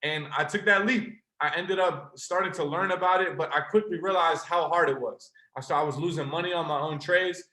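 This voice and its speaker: A young man pitching to a webinar audience with earnest passion, addressing his listeners directly. His voice sits a little high and sounds bright and forceful. The audio carries a roomy echo. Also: fairly quick, few pauses. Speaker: trading mentor presenting to a live call. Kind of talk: motivational sales pitch on a webinar.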